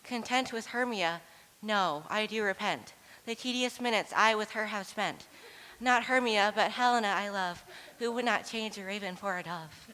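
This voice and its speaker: A woman's voice: medium pitch, normal speed, pushed and bright, lightly acted. A woman playing an ardent young nobleman who speaks in impassioned verse. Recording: echoey hall.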